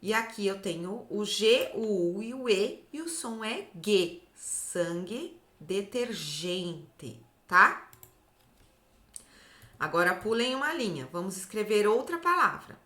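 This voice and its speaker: Brazilian woman, children's literacy teacher, slow deliberate delivery, echoey room. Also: mid-range voice, big pitch swings, bright, forceful tone. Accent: Brazilian Portuguese. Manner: slow, drawn-out syllables, often ends with "tá?". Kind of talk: slow, clear phonics lesson for children.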